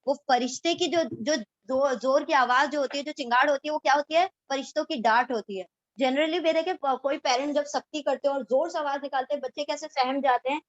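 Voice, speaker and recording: A woman teaching a word-by-word Quran translation lesson, reciting verses slowly and then explaining them in everyday speech mixed with English words. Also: high-pitched, dry recording, lo-fi sound.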